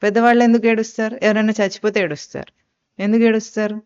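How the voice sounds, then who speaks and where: Spiritual teacher, smooth resonant voice, questions and answers, on a dull lo-fi recording. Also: mid-range voice, flat delivery, quick pace. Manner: asks rhetorical questions and answers them; quotes and explains Sanskrit terms. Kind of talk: live scripture discourse.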